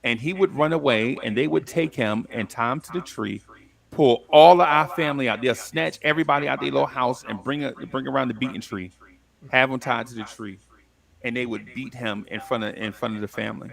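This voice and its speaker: Gravelly-voiced man telling stories. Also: medium pitch, a little fast. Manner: animated, stumbling restarts, slangy. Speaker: podcast guest. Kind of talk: casual storytelling.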